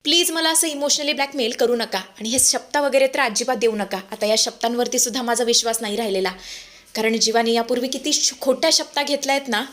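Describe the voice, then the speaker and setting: A woman's voice: a little high, quick pace, a bit bright, natural voice. A woman voicing a proud young wife who is determined to leave, pleading yet firm.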